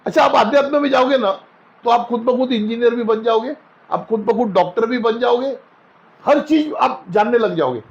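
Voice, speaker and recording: High-voiced man telling folksy stories. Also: moderate pace, dull audio. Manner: anecdotal, folksy, acts out quoted voices. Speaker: spiritual guest. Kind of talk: storytelling in a casual interview.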